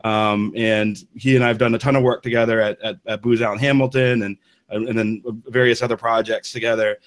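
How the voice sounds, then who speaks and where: A man's voice: fairly low pitch, little pitch movement, brisk. A man speaking as a guest engineer in an interview, enthusiastic and rambling with many restarts. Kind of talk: casual interview talk.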